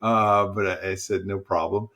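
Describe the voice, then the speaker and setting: A man, a church small-group pastor, telling stories as a podcast guest in a lively, encouraging preacher's manner and acting out the dialogue. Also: normal speed. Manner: lively storyteller who acts out dialogue with sudden pitch jumps. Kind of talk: storytelling in a podcast conversation.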